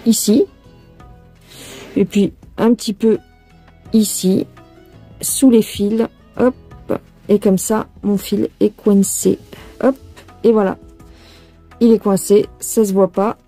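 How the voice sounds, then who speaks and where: A woman's voice: medium pitch, steady tone, slow pace, pauses often, warm tone, soft background music. A woman casually explaining cross-stitch while she works, chatting and thinking aloud to the viewer. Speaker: cross-stitch tutorial host. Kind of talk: casual hands-on embroidery tutorial. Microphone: phone filming her hands.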